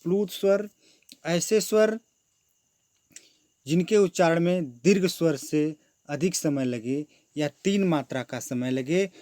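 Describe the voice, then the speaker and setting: Slow, deliberate male teacher, dry sound. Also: fairly high pitch, dark tone, no room sound. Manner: asks a question, then repeats the answer; recites items one by one, stretched out. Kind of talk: classroom lesson explanation.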